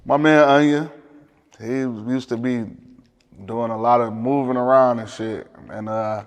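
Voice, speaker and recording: Detroit man, slangy and low-pitched, echoey. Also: steady tone, unhurried. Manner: slangy, profane, streetwise phrasing. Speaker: music producer, interview guest. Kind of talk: casual chat.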